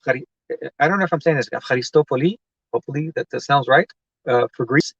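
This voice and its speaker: A man's voice: medium pitch, quick pace, breathy edge, dry recording, lo-fi sound. A man from Lebanon hosting a casual tech live stream from inside a parked car, rambling and chatty with lots of fillers as he answers viewer comments.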